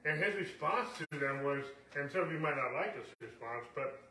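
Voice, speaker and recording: Guy teaching a sermon, kinda high voice, storytelling and restarting lines, mic far off in a roomy hall with faint background noise. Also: lively intonation, normal speed, sharp tone. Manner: storytelling, often backs up and restarts. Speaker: Bible teacher. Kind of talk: conversational sermon. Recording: roomy, distant hall recording.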